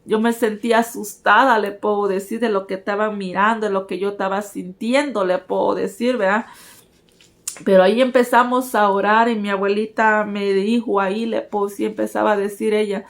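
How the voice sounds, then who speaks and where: A woman's voice: mid-range voice, fairly even intonation, moderate pace. A woman giving a personal religious testimony, earnestly speaking to her listeners as brothers and sisters.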